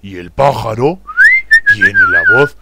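A man with a deep voice playing a character in a children's music lesson, speaking slowly and expressively to young viewers. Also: huge pitch swings, vocal fry, very noisy, exaggerated voice. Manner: slow, exaggerated teacher-like speech to children. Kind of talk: children's educational acting.

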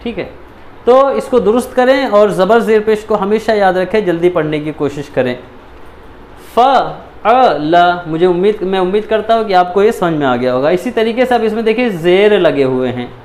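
A man teaching Quran letter reading, patiently repeating syllables slowly and checking in often. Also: high-pitched, a little mellow. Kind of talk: step-by-step recitation lesson.

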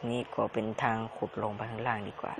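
A man's voice: lowish voice, flat delivery, quick pace, background noise. A man giving casual commentary while playing a game, polite and chatty, making digging sounds with his mouth. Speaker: Let's Play gamer.

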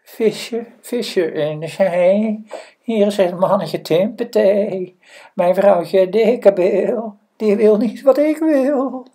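A woman's voice: extremely low pitch, slow pace, a little mellow. A woman voicing a timid, anxious humble fisherman who pleads hesitantly.

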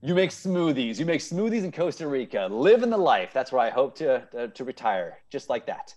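Speaking at a moderate pace, this improv teacher in his thirties runs an upbeat, playful game show on a video call from inside his home. His medium-pitched, darkish voice is very animated, and he frequently echoes contestants' answers.

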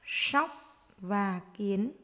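A woman's voice: mid-range voice, lively intonation, very slow, fairly bright tone. A woman primary school teacher dictating to young pupils, saying short phrases word by word and repeating each one.

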